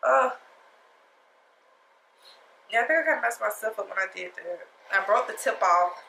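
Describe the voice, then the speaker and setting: A beauty vlogger with a mid-range voice, moderate pace and vocal fry talks through a makeup tutorial, her tone pushed and bright. She's chatty and sassy, speaks right to viewers, and has a stuffy nose from a cold. The low-quality recording is reverberant.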